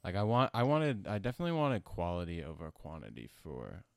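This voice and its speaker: A man who sounds high, talking casually about his music in a rambling, slangy, profane stoner manner. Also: lively intonation, a little fast, creaky, no room sound, clean studio sound. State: high from smoking. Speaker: musician being interviewed about own album. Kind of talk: casual chat.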